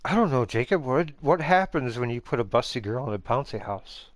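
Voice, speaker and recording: A man's voice: mid-range voice, lively intonation, fairly quick, dry recording. Rambling man chatting over a game. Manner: rambling, sarcastic teasing. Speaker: gaming channel host. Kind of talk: casual chat while gaming.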